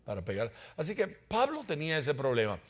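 A man's voice: a little high, huge pitch swings, a little fast. A man teaching a Bible study in sermon style, asking the congregation rhetorical questions and adding humorous asides. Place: church.

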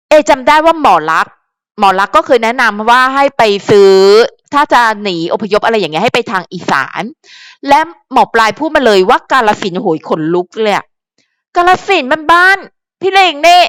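A young woman hosting a fan channel, chatting casually and at length to her viewers in a rambling, animated way full of fillers. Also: a little high, a little fast, no room sound.

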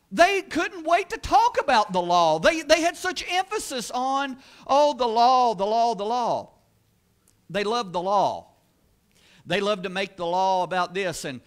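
A man with a high, light voice delivers a church sermon. He preaches earnestly and emphatically, repeating key words and pushing his voice up and louder at the peaks. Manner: earnest, emphatic preaching with rising exclamations and repetition. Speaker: pastor. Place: church sanctuary.

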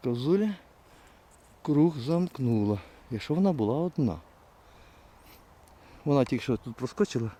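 A man filming his hunt with hounds in fields and woods, giving a hushed, muttered running commentary to viewers on a handheld camera and calling to his dogs. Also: medium pitch, lively intonation, moderate pace, pauses often. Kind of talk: live outdoor hunting commentary to viewers.

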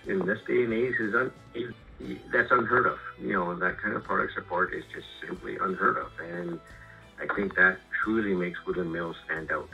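A middle-aged Canadian homeowner who buys from a sawmill talks haltingly about his projects on a muffled phone call, rambling and repeating himself. His low voice carries vocal fry, and music plays behind him.

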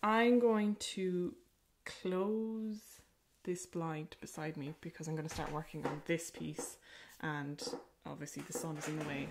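A woman whose voice sits on the low side paints on a livestream, chatting in a rural Irish accent with plenty of fillers and a self-deprecating, casual manner. Background noise is audible.

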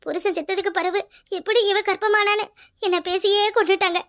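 A woman voicing an anxious village mother, very high. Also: fairly even intonation, fairly quick, a bit bright. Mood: grieving. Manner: pleading, scolding, emotional. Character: worried, tearful older village mother and sister. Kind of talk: cartoon voice acting.

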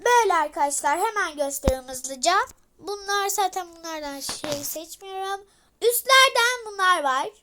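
A young girl hosting a casual game showcase vlog, chatty and rambling with many fillers, talking loudly so she can be heard. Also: very high voice, expressive, moderate pace, a little hiss or hum. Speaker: channel host.

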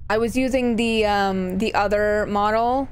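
A woman's voice: medium pitch, fairly even intonation, measured pace, slight background noise. A woman streamer giving casual live commentary on a horror game, nervous and scared, with playful, sweary reactions. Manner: sweary, exclamatory; playful, jokey asides.

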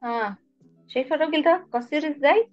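A woman's voice: high-pitched, quick pace, dull audio, faint music behind. A woman with an Egyptian Arabic accent teaching an English class online, patiently explaining and praising each pupil by name. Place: online video lesson.

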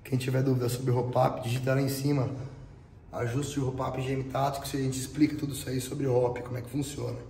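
A man's voice: mid-range voice, little pitch movement, fast talker, creaky, dark tone. A middle-aged man with a Brazilian accent and a thin, cracked, reedy voice, giving a casual, explanatory product demonstration. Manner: informal, explanatory, frequent tag questions. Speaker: airsoft shop product reviewer. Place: indoor airsoft shop and small range room. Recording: roomy echo, faint background noise.

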